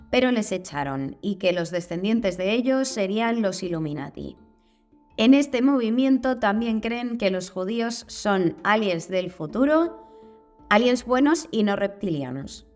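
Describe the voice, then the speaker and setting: A woman's voice: medium pitch, expressive, unhurried, a little mellow, soft background music. A woman with a Spain Spanish accent narrating a video in a casual, curious way, dropping wry asides. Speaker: channel host.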